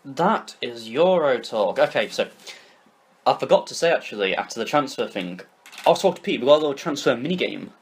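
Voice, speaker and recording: Young British guy, podcast co-host, rapid and animated, tumbling over his words. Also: mid-range voice, a little hiss or hum. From Britain. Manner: rapid, animated storytelling with many restarts. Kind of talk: casual chat.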